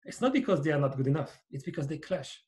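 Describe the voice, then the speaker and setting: A man's voice: on the high side, big pitch swings, darkish tone. Hungarian-accented man on a headset mic. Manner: earnest, measured, explanatory. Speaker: company founder, guest. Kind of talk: podcast interview over video call. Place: small home office with bookshelves. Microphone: over-ear headset with boom mic.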